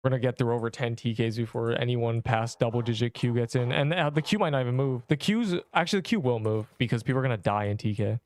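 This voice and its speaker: A young man streaming a game, chatting along in a casual, excitable way with gamer slang. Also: mid-range voice, fast talker, hardly any pauses. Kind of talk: casual livestream commentary.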